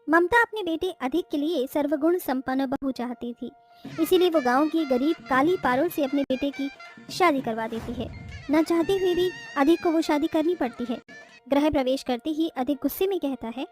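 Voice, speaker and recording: A woman narrating a scripted cartoon story in a steady storytelling manner. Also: high-pitched.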